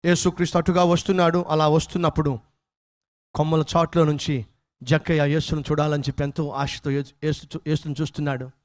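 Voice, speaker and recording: A man's voice: on the high side, level tone, a little fast. A man preaching an impassioned sermon, pressing repeated rhetorical questions and storytelling.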